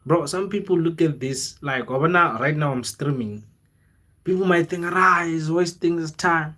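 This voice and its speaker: This young South African content creator's voice is a little high, bright and forceful, and he speaks unhurriedly. On a casual livestream he rambles motivationally, leaning on slang, repeating phrases for emphasis and dropping into local languages.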